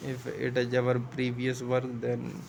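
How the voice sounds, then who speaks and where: This programming tutor, a man who isn't a native English speaker, walks through a screen-share coding lesson step by step, patiently reasoning out loud. His mid-range voice is monotone and creaky, his pace measured, with background noise behind him.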